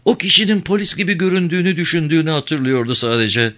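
A man voicing a young male police colleague who reports briskly, in an audiobook reading. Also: on the high side, expressive, a bit bright, voice pushed up. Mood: reporting.

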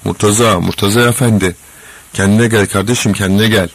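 A man's voice: lowish voice, steady tone, brisk. A man voicing a kindly male foreman, pleading urgently and soothing a child in a storybook reading.

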